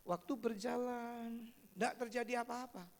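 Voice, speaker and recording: A man preaching a sermon as pastor, animated and storytelling, acting out family members' voices. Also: very high-pitched, measured pace, vocal fry. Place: large church hall. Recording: long church hall reverb.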